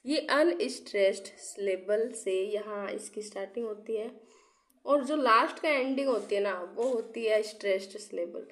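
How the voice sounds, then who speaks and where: A woman's voice: medium pitch, moderate pace. A young woman teacher giving an exam-prep lecture while unwell and coughing now and then. She asks rhetorical questions, repeats key terms and checks in often. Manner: checks in often with "theek hai". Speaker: English literature teacher.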